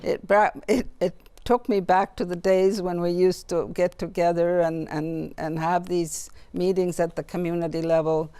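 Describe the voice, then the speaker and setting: An older interview guest from Nunavut in Canada, reflecting in a halting, thoughtful way with pauses and repeated words. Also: mid-range voice, level tone, dark tone, clear, resonant tone.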